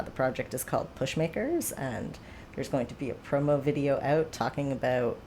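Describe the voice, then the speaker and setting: Seated at home, a livestream host talks to her viewers in a gravelly, dark, deep voice over slight background noise. Her casual chat wanders, packed with fillers and self-aware asides.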